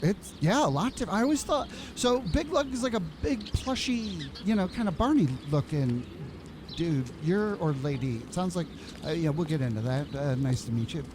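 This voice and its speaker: A man's voice: fairly high pitch, lively intonation, normal speed, background noise. A man hosting a casual comic interview, hesitant and bemused, often stammering and restarting. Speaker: show host.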